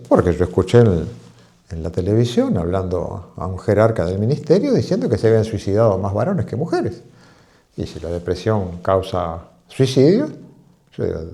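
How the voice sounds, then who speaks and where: A Uruguayan-accented doctor speaks on a health program, his warm, mellow voice swinging widely up and down. He keeps throwing rhetorical questions at his viewers and tells stories with plenty of animation. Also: mid-range voice. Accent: Uruguayan Spanish. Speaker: physician. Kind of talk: televised health talk.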